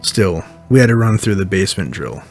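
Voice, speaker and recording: Low, lively American man narrating casually. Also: a little fast. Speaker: storm chaser narrator. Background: faint music.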